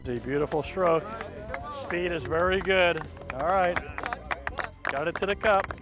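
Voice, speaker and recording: A high-voiced man gives golf commentary in an effusive, encouraging way. He sounds like an excited contest host, exclaiming over each shot outdoors, with music clearly playing behind him. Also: a little slow.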